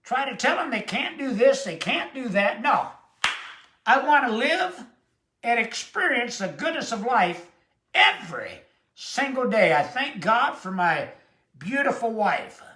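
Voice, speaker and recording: Older Texan male preacher in his seventies, high-pitched, emphatic sermon, roomy echo. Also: sing-song, bright, forceful tone. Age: 70s. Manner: emotional, emphatic preaching with drawn-out quotes. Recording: echoey room.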